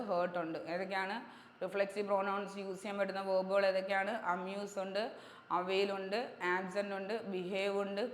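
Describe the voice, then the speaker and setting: A woman English grammar teacher, drilling points over and over and checking understanding with quick questions. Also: mid-range voice. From Kerala, India. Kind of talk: exam-prep grammar lesson. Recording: echoey room with long reverb, faint hiss.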